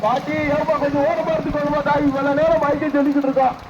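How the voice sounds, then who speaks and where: A man's voice: extremely high pitch, flat delivery, racing. A man announcing a race through a megaphone, repeating the names of the entrants in a calling voice. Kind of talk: live race commentary over a loudspeaker. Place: outdoor race track beside a road. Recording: distant, dull loudspeaker sound outdoors. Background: loud crowd and vehicle noise.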